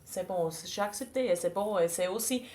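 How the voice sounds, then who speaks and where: A woman guest with a Swiss German accent, a native German speaker, chatting in halting, broken French and slipping into German words. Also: mid-range voice, a little mellow. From Switzerland. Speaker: interview guest. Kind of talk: casual radio-style conversation.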